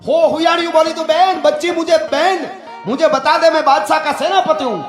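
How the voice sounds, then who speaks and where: A storyteller voicing a booming army general. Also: male voice, a little fast. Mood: commanding. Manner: loud, ringing commands. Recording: echoey hall with faint music.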